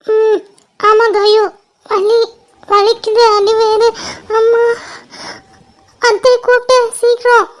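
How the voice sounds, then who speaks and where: A woman's voice: very high-pitched, flat delivery, takes it slowly, long pauses. A woman voicing a frightened young mother in labor. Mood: pained pleading. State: in pain.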